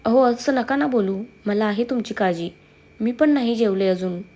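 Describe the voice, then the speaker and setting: A woman's voice: on the high side, moderate pace, darkish tone, lightly acted. A woman voicing a pleading, pouty young wife with a childlike manner. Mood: hurt.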